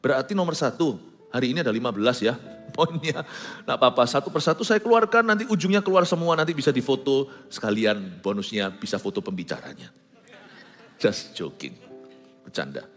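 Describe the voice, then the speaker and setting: A man's voice: medium pitch, lively intonation, a little fast, fairly bright tone. A man preaching a sermon as pastor, mixing English phrases into his talk and dropping joking asides. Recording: large hall with long reverb, faint music.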